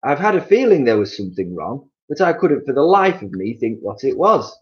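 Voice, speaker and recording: A man voicing a frightened old woman who cries out in a high, shrill voice, from a storybook reading. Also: very animated, a little fast, dull audio, close to an everyday voice. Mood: puzzled. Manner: crying out in alarm.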